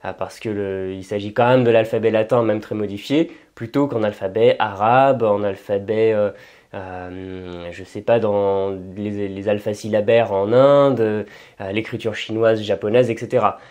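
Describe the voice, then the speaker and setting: Hesitant French-speaking man, mellow tone. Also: fairly low pitch, fairly even intonation, normal speed. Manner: thinks aloud with frequent hesitations and restarts. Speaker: language-learning video host. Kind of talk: informal explanatory talk.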